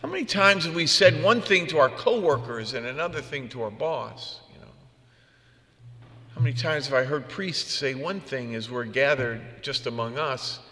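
Speaking as a priest, a man delivers a plain-spoken, conversational homily filled with personal anecdotes. His mid-range voice is expressive and sharp in tone at a normal speed, echoing with the long reverb of a large room.

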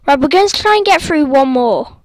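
Chatty high-voiced woman. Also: lively intonation, a little fast, dry recording. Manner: chatty and rambling, with sudden squeals and apologies. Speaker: gaming vlogger. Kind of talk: casual game commentary. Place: sitting up in bed at home. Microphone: laptop recording.

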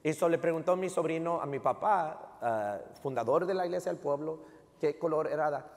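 A middle-aged pastor with a Mexican American accent preaches in a lively, joking way, tossing in English tags as he goes. His voice sits a little high for a man. It rings out with the long reverb of a church hall. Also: brisk. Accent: Mexican American Spanish with English code-switching. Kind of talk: sermon. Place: church sanctuary.

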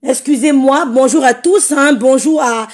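A woman with a hoarse, croaky voice, chatting casually on a phone live stream and greeting viewers by name. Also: sits high, measured pace.

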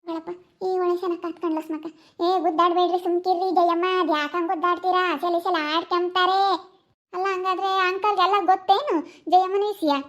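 A woman's voice: very high voice, level tone, brisk, a bit bright. A woman playing a teasing village woman who mocks and exclaims, with a village Kannada accent. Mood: nosy. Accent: Kannada, Karnataka village dialect. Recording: slightly dull lo-fi recording.

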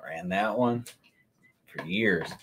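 This lowish male voice takes its time, with a little hiss or hum in the audio. He's a Kentuckian running a sneaker livestream in a room full of sneaker shelves, chatting easily and answering viewers' questions as they come in.

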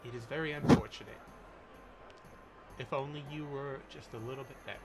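A man narrating a tabletop game casually as game master, describing scenes in halting pieces. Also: mid-range voice, steady tone.

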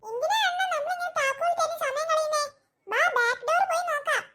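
A voice actor playing a timid young thief's sidekick who is scared of the dark, in a cartoon. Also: very high-pitched, quick pace, heavy background noise. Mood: nervous. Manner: nervous, pleading.

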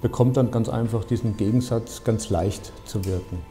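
A man in his fifties, an architect, explaining his building in a measured, thoughtful interview with frequent hesitations. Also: lowish voice, mellow, faint music behind. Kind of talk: documentary interview. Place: bright office, seated at a desk.

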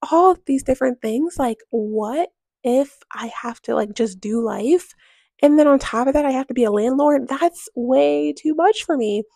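Chatty young woman with gravelly voice. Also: sits high, normal speed, dark tone, no echo. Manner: candid, emphatic, rhetorical questions. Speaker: home vlogger. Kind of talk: voice-over chat while cleaning.

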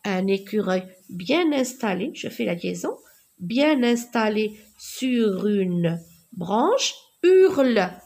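A woman teaching young children to read, slowly repeating words and sounding out letters. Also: medium pitch, big pitch swings, darkish tone. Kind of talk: reading lesson for young children.

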